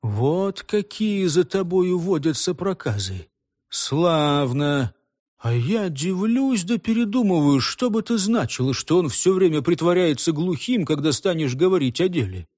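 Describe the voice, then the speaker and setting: A man's voice: on the high side, very animated, unhurried, a little mellow, no echo, studio quality. A man voicing a bold young villager who mocks his father and rallies his friends. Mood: mocking. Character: bold young male villager, mocking and defiant.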